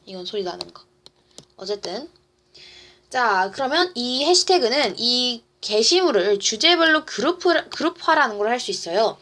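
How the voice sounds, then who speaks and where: A woman's voice: a little high, very animated, normal speed, sharp tone. A teenage girl tutoring in a casual online lesson, explaining step by step, repeating key phrases and asking the viewer questions. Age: teens. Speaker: student tutor.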